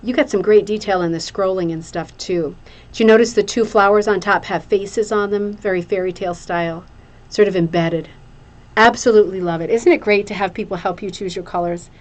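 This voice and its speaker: A woman's voice: mid-range voice, steady tone, brisk. A woman hosting a craft show in a casual, chatty way, gushing and rambling, often repeating phrases for emphasis. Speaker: craft show host presenting viewers' hooked rugs.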